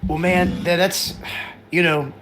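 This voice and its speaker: A man's voice: a little high, little pitch movement, unhurried, fairly bright tone, slight background noise. A man hosting a live stream, talking in a rambling, opinionated way about world news and drones, swearing casually. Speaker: livestream host.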